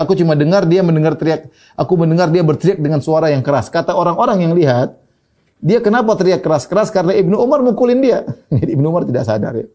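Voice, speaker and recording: A man preaching in a lively storytelling manner, mixing recited Arabic quotations into his talk, with frequent fillers and chuckles. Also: on the high side. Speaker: Islamic preacher. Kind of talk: storytelling sermon.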